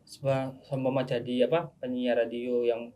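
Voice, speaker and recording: A man hosting a casual podcast interview, relaxed and hesitant, with many fillers. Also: medium pitch, moderate pace. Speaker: podcast host.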